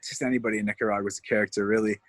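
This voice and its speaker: A man's voice: lowish voice, fairly even intonation, very fast, fairly bright tone, dry recording. A man from Canada, a tour guide, telling rambling stories in a casual interview, laughing often and leaning on fillers.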